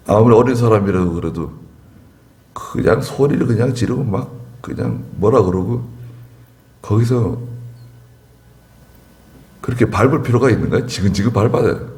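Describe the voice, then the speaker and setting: A man's voice: medium pitch, a little mellow. A male pastor preaching a sermon in church, telling stories with chuckling asides. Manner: anecdotal storytelling, chuckling asides.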